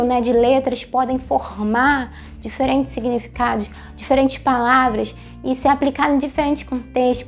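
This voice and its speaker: A woman gives an online language lesson in a fairly high voice. She explains step by step, repeats her examples and checks in with rhetorical questions, with faint music underneath. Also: a little mellow. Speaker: Hebrew teacher.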